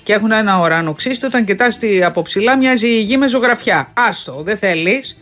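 A woman's voice: mid-range voice, lively intonation, a bit bright, faint music behind. Chatty, playfully scolding woman co-host. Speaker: co-host of a gossip show. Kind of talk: casual celebrity gossip chat.

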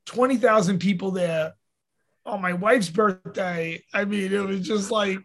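In an unhurried, high voice, a New York podcast host and mixed martial arts fighter rambles through profane small talk. He swears freely and acts out his own quotes.

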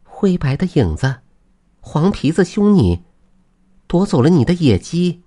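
An earnest village wife in a spoken folk tale presses her husband with heartfelt urging, voiced by a man. He lifts his voice high above his usual register, keeping a husky edge. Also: very animated, measured pace, warm tone. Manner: earnest, pleading.

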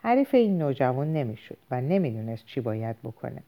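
A woman narrating a novel as an audiobook with a measured, dramatic reading. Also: extremely low pitch, big pitch swings, dull audio.

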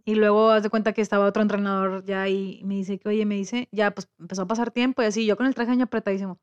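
A woman's voice: medium pitch, fast, smooth, highs cut off. A woman with a Mexican accent telling a story in casual chat, acting out the voices of the people she quotes. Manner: lively storyteller who acts out quoted voices.

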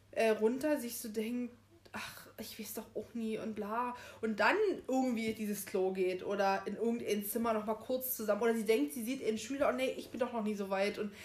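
Chatty young woman, slightly high voice. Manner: chatty, quick to correct herself, laughs easily. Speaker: podcast co-host reading a book aloud. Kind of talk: casual chat retelling a story.

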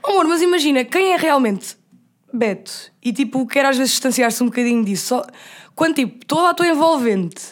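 A young woman from Caldas da Rainha with a European Portuguese accent, co-hosting a podcast in animated, slangy banter and imitating voices. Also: high voice, fairly quick. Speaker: podcast co-host. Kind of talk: casual chat.

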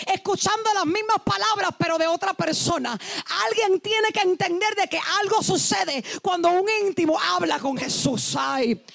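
A woman preaching a fervent sermon, reading scripture aloud with dramatic pauses and building to shouted exclamations. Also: very high-pitched, vocal fry, no room sound, studio quality.

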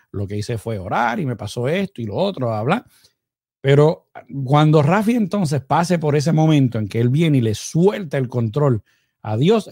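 A man giving an informal, conversational sermon, talking to a co-host and slowing down to read scripture. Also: mid-range voice, warm tone, no echo, studio quality. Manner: conversational, addresses co-host by name; reads scripture slowly and deliberately. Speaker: preacher.

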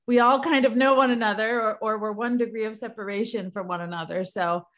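A woman hosting an interview podcast, welcoming her guest warmly and effusively and asking questions. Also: a little high, steady tone, brisk. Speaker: podcast host. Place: New York.

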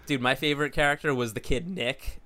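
Young american dude, bright voice, frat bro slang, just chatting on a podcast. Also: male voice, mid-range voice, steady tone, brisk. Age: young adult. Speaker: podcast co-host. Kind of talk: casual chat.

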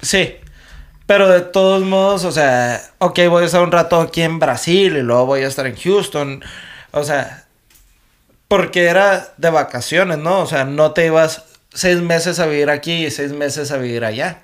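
A man's voice: on the high side, moderate pace. A man with a northern Mexican accent hosting a podcast, joking and slangy. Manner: joking, slangy, says güey constantly. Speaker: podcast host. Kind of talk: casual chat.

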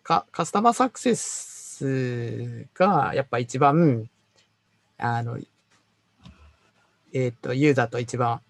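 A man with a husky, gravelly voice picks his words slowly, stumbling and filling pauses as he explains how feedback reaches him. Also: medium pitch, lively intonation, dry recording. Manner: hesitant, many fillers and stumbles. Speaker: designer. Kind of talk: casual work conversation.

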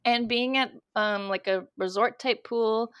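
A comedian in her thirties tells a story with animated energy, slipping into her own quoted voice as she goes. Her voice is bright and sits a little high. The sound is dry and close, with no room around it. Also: a little slow, clear, resonant tone, no echo. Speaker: comedian guest. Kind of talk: casual podcast chat.

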